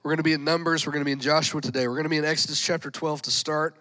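A pastor preaches to his congregation in a church sanctuary, sounding nasal and congested from a cold and dotting his lines with frequent amens and folksy asides. His voice is a little high, bright and pushed, with a steady tone and rapid-fire delivery.

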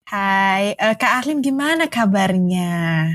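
A woman hosting a podcast, introducing the topic and sharing her own experience in a friendly, measured way. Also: mid-range voice, lively intonation, fairly bright tone, no echo. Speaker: podcast host. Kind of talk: casual podcast chat.

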